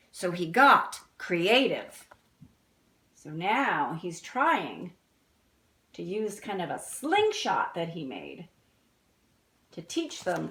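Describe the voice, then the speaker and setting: Speaking in a medium-pitched, fairly bright voice, a woman reads a picture book aloud to little ones. She talks to them directly, mixing in simple explanations and questions.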